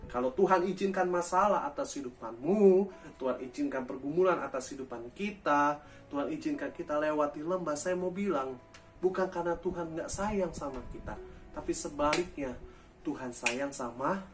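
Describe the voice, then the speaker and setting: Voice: medium pitch, normal speed, distant mic, faint music behind. A pastor preaching a sermon with emphatic rhetorical questions and apologetic asides.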